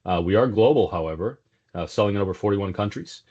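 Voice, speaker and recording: A man's voice: on the low side, quick pace, darkish tone. A middle-aged man from South Africa with a South African accent and a slight Texas twang, talking as a guest in a casual business interview, with plenty of fillers and restarts. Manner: conversational, many fillers and restarts. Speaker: sales executive guest. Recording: dull lo-fi sound.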